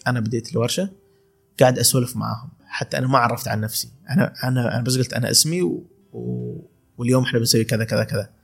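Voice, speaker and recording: Gravelly, fast-talking Emirati young man. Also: medium pitch, steady tone, soft background music. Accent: Emirati Arabic. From UAE, Khor Fakkan. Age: 20s. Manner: chatty storyteller, laughs often, restarts. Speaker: calligrapher guest. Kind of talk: casual podcast chat.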